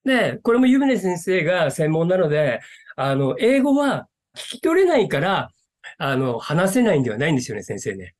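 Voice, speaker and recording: An earnest man speaking as an interview guest. His pitch rises and falls in animated swings, and he uses many fillers as he talks. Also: normal speed. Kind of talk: interview conversation.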